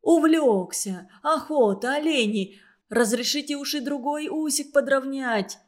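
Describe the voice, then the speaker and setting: A woman's voice: sits high, unhurried, voice pushed up. A woman reading a storybook aloud and voicing a small, round, flustered male barber who babbles apologies. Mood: babbling.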